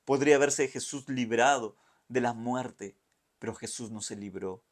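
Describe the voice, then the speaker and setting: A male pastor giving a Bible study sermon, emphatic and repetitive, speaking straight to the viewer. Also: mid-range voice. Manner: slow, emphatic, with dramatic pauses and repetition; addresses the viewer directly.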